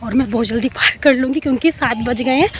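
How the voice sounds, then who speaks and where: Her voice a little high and fairly bright, a young woman from Bihar, India, talks fast in a chatty vlog. She's out walking a village road, occasionally short of breath, and keeps repeating words mid-thought.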